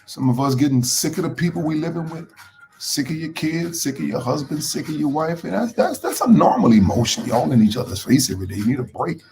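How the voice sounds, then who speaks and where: A man's voice: on the high side, expressive, a little fast, vocal fry, darkish tone, slight background noise. A man hosting a live motivational talk. He speaks conversationally, repeats phrases for emphasis and greets viewers by name as he goes. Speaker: motivational host.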